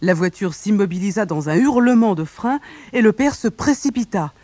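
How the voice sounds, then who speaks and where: A narrator reading a children's storybook aloud in a calm, steady way. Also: medium pitch, moderate pace, dry recording. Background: faint music.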